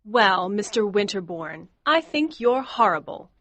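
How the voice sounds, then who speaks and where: A lively teasing young lady. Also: mid-range voice, measured pace, dry recording. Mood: pleading. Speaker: Daisy Miller. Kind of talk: audiobook dialogue acting.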